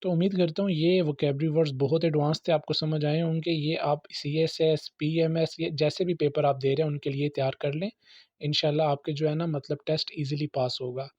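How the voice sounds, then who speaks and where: Man, vocabulary teacher, methodical, slightly raised pitch, dry close sound, somewhat muffled. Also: little pitch movement, a little fast, a little mellow, no room sound. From Pakistan. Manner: methodical, repeats "theek hai" as he explains. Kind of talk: vocabulary lesson.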